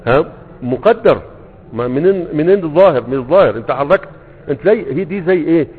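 The speaker here talks fast, with a slightly high voice and lively intonation. He has an Egyptian Arabic accent and is teaching a grammar text in class, reading it and walking through it step by step while checking understanding with a repeated "okay?" The audio is thin and phone-like, echoing around a reverberant hall.

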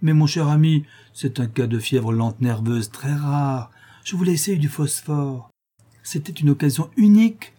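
A man voicing an eager, obsessive hospital doctor who speaks in an excitable, insistent way. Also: a little high, a little slow, pitched above the performer's own voice.

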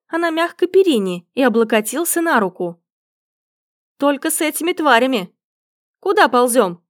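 Женщина читает аудиокнигу высоким голосом. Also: female voice, high-pitched, no room sound, studio quality. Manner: voices the characters' lines herself. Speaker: audiobook narrator. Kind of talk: scripted first-person narration.

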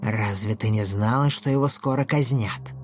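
A man voicing a dying, cruel female manticore in a storybook, with a hoarse, wheezing voice and a slow, gloating drawl. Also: lowish voice, faint music behind, lightly acted. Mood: menacing.

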